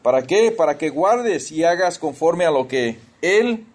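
His pitch is fairly high and a bit mellow, with lively intonation, though his pace is a little slow. In a loose, chatty sermon he questions the listeners he calls brothers, stumbling, restarting, and throwing in English exclamations.

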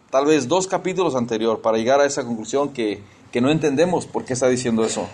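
A man's voice: medium pitch, darkish tone. A man preaching an informal sermon, talking conversationally, asking his listeners questions, stumbling and restarting, and tossing in English exclamations. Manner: conversational, addresses listeners as brothers, asks questions.

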